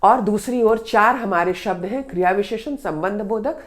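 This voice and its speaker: A woman's voice: medium pitch, normal speed. A woman teaching Hindi grammar in a patient lesson, repeating her example sentences and stressing the key words. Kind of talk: explanatory lesson.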